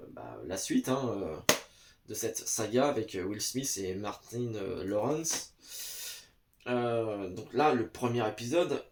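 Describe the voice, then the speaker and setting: Man, slow casual home vlogger, halting with fillers. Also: mid-range voice. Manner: hesitant, many "euh" fillers, addresses viewer as "tu". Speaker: vlogger reviewing VHS tapes. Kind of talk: casual chat to camera. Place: home basement. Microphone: camera in front.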